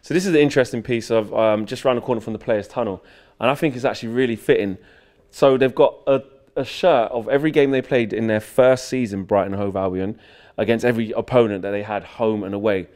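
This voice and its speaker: A man's voice: fairly low pitch, quick pace, hardly any pauses, darkish tone, in a large hall. A man, hosting a joking walkthrough of a stadium dressing room, holding a handheld mic. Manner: chatty, joking tour guide. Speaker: fan channel host. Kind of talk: casual walkthrough vlog. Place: empty stadium dressing room and corridor, indoors.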